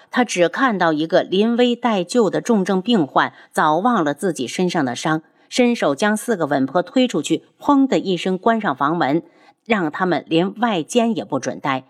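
A woman giving scripted, expressive narration of a novel. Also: on the low side, no room sound, studio quality. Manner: expressive storytelling. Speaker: audiobook narrator.

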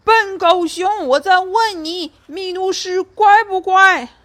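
A woman's voice: sits high, fairly bright tone. Woman playing a roaring circus lion. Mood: furious. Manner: roaring, drawn-out and threatening. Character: fierce hungry male circus lion.

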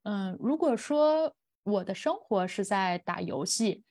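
A woman in her thirties talking reflectively as a podcast co-host, measured and thoughtful, with hesitant pauses. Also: mid-range voice, lively intonation, a little mellow. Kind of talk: reflective personal talk in a podcast.

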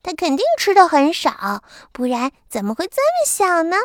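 A woman's voice: very high voice, huge pitch swings, normal speed, dry recording, studio quality, pitched above the performer's own voice, full character voice. A woman voicing a careless little girl in a storybook reading, squealing and gushing. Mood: delighted.

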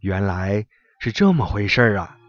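A man narrating a bedtime story for children in a gentle, expressive, lively way. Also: lowish voice, normal speed, no room sound. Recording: muffled recording with soft background music.

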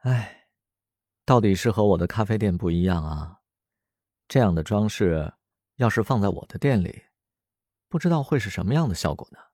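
A man voicing an excitable, easily flustered young woman in a storybook reading. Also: lowish voice, moderate pace, pauses often, no echo, studio quality. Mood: excited.

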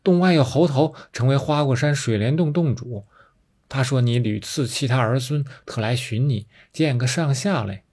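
男人扮演的慌张小妖. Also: male voice, medium pitch, a little mellow, husky, lightly acted. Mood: alarmed. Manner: hurried, anxious reporting. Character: small frightened male demon minion.

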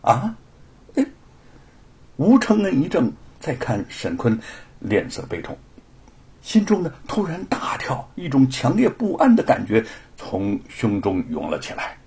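A male storyteller narrating a historical novel with great expression, dropping to hushed tones and rising loudly. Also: mid-range voice, unhurried, breathy edge. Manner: very expressive, swinging between hushed and loud.

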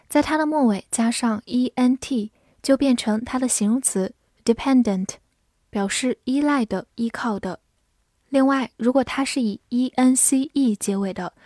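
A woman teaching English vocabulary in a scripted lesson. She spells words out letter by letter and reads the example sentences slowly and carefully. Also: fairly high pitch, a little mellow, dry recording.

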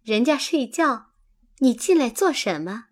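A woman voicing a delicate, sensitive young noblewoman who is quick to take offence, in a plaintive tone. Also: high voice, big pitch swings, heavily acted. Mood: teasing. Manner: plaintive, wounded.

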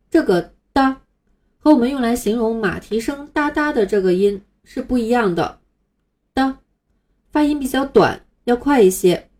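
A woman's voice: on the high side, darkish tone. A woman teaching English letters patiently, step by step, as a scripted online lesson.

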